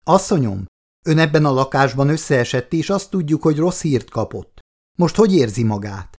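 A man voicing an emergency doctor in an audiobook, brisk, professional and reassuring. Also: fairly high pitch, animated, darkish tone, pitched above the performer's own voice. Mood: calm. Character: middle-aged male emergency doctor, brisk and calm. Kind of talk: audiobook character voice.

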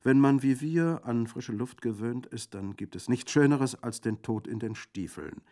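A man's voice: medium pitch, a little slow, dark tone, voice pushed up, lightly acted. A man voicing a scholarly former theologian turned bandit in a radio reading, florid and ironic. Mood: wry.

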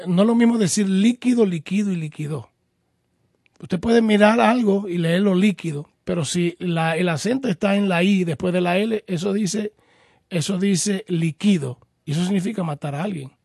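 A male pastor hosts a radio call-in program answering Bible questions, patiently explaining with homely examples and formally addressing the caller as brother. His gravelly voice is high with a darkish tone, captured in studio quality with no echo.

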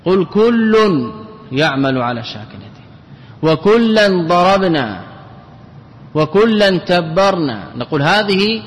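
Man teaching grammar in an echoing hall. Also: on the high side. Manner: explains step by step, repeats phrases, slows to recite Quranic examples. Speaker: Islamic scholar teaching Arabic grammar. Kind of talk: classical Arabic grammar lesson, recited examples. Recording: long hall reverb.

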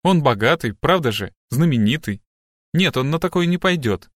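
A man voicing a distraught, sharp-tongued middle-aged wife and mother in an audiobook, with sharp, agitated outbursts. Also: fairly high pitch, lively intonation, normal speed, no room sound, clean studio sound. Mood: fretful.

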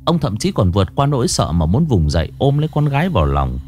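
A man narrating a scripted ghost story in a dramatic, expressive reading. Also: mid-range voice, quick pace, faint music behind.

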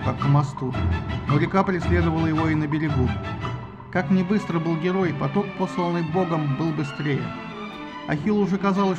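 Male audiobook narrator, a touch higher voice. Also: lo-fi sound.

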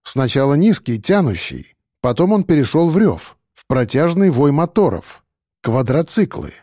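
Dark-voiced male audiobook narrator. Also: a little high, big pitch swings, moderate pace, no echo, studio quality. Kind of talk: scripted first-person narration.

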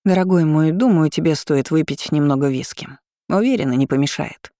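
A woman voicing a gentle, soothing middle-aged mother in an audiobook. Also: deep voice, a little fast, dry recording, studio quality, natural voice.

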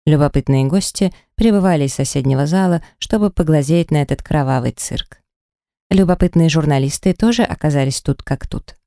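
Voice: mid-range voice, fairly quick, vocal fry, dark tone, dry recording. A narrator reading a first-person romance audiobook dramatically and expressively into a close mic.

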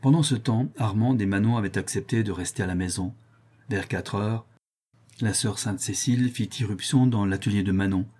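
A man reading a historical chronicle aloud in a measured, steady storytelling manner. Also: on the low side, slightly rough. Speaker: audiobook narrator. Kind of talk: scripted narration.

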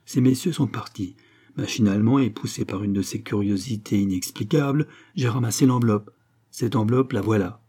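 A man reading an audiobook, voicing a jealous, proud count who speaks haltingly and gravely. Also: lowish voice, dark tone. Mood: hesitant. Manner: hesitant, grave.

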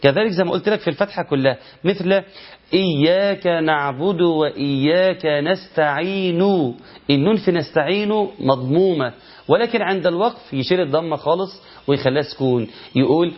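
Egyptian male teacher, fairly high voice, patient explainer of recitation rules, dull lo-fi sound. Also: expressive, breathy edge. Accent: Egyptian Arabic. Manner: explains with rhetorical questions, chants verse examples slowly. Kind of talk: tajweed lesson.

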